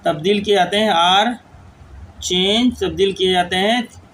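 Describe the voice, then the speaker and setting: A man teaching English grammar, dictating rules slowly word by word as he writes them out. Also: high-pitched, fairly bright tone, slight background noise, low-quality recording. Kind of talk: lecture explaining grammar rules.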